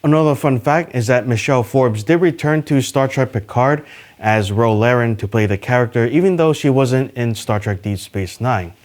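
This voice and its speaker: A man hosting a casual trivia video, talking to the camera in an upbeat, chatty way with plenty of fillers. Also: a little mellow. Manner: enthusiastic, pitch jumps on list numbers. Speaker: YouTube host.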